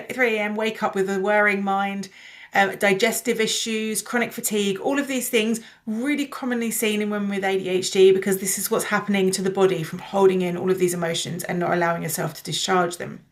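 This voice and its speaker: A woman hosting her own channel, talking to camera in a casual, earnest way as a coach and sharing personal stories. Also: medium pitch. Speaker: somatic coach and channel host.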